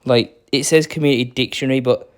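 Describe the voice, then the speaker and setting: A man's voice: mid-range voice, fairly even intonation, fast talker, clean tone. A young man casually demoing a phone's settings, rambling and unsure, with many fillers. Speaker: phone reviewer. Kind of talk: casual screen-recorded demo.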